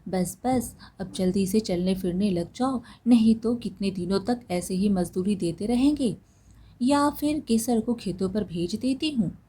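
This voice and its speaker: Storybook villainess: a jealous, scheming sister-in-law, sneering and slow, read by a woman. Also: medium pitch, mellow, slight background noise, natural voice. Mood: taunting. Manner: taunting, sneering.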